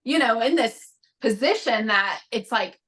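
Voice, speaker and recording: A woman's voice: a little high, lively intonation, unhurried, fairly bright tone. A woman telling a story in casual podcast chat, full of "like" and "you know". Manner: chatty, lots of "like" and "you know". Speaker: podcast guest.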